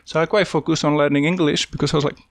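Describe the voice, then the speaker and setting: A man's voice: on the high side, steady tone, quick pace, a bit bright, no room sound. A man from the Czech Republic with a Czech accent, a podcast guest telling his story in an earnest, plain-spoken way with small slips in his English. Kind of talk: casual interview, telling his life story.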